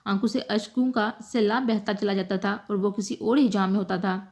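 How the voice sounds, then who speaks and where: A woman narrating a romantic novel aloud in an emotive, measured storytelling manner. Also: mid-range voice, fairly even intonation, darkish tone. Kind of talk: scripted novel reading.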